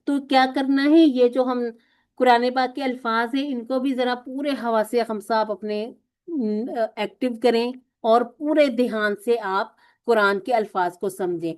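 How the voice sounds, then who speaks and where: Woman, slightly high voice, patient course teacher who explains step by step. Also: darkish tone. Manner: patient, explanatory, often asks and answers her own questions. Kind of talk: recorded classroom lesson.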